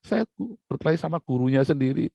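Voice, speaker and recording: A middle-aged man preaching a sermon, telling family stories with animated rises and soft low asides. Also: brisk, creaky, no room sound. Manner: animated storytelling, rising loud when recounting fights.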